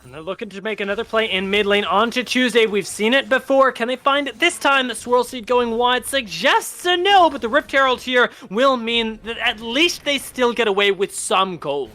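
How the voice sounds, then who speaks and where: A man doing live esports play-by-play, rapid and rising into excited calls. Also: extremely high pitch.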